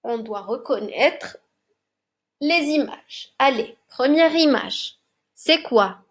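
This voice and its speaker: A woman teacher with a fairly high voice works through a spelling lesson at a very slow pace. She articulates each word with care and encourages the children between exercises. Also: expressive. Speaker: primary school teacher. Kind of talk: slow, deliberate classroom dictation. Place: classroom recording for remote lesson.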